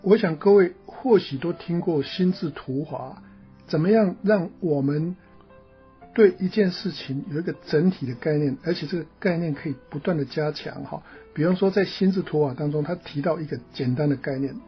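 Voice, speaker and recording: A man's voice: on the high side, moderate pace, muffled recording, soft background music. Man lecturing with rhetorical questions. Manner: explanatory, rhetorical questions, frequent "哈" tag. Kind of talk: spiritual teaching lecture.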